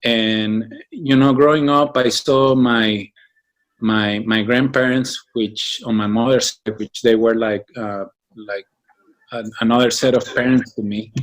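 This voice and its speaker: This man from Mexico, who founded a business association, pauses and restarts frequently while answering interview questions thoughtfully, leaning on fillers. He has a mid-range voice with a steady tone.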